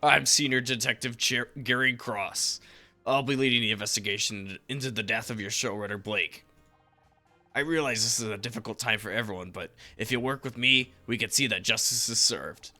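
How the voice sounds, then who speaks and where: A man putting on a lower, slower voice for a formal, deliberate male police detective in a game. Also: sharp tone, faint music behind. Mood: stern.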